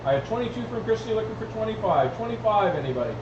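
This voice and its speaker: A man's voice: high voice, expressive, fast. A man working as an auctioneer, calling bids repetitively and addressing the bidders in a live online auction. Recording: roomy, distant mic, dull, clearly noisy.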